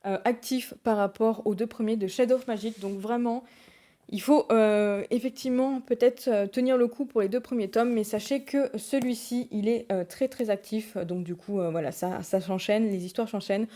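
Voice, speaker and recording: Chatty young woman with a mellow voice. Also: a little high, steady tone, normal speed. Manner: chatty, rambling, many hesitations. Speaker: book vlogger. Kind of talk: casual chat to camera.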